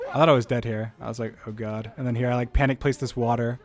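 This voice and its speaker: A young man casually commenting on his own gameplay video, rambling with lots of "like" and quick restarts. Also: mid-range voice, steady tone, a little mellow, faint music behind. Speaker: YouTuber reacting to own video.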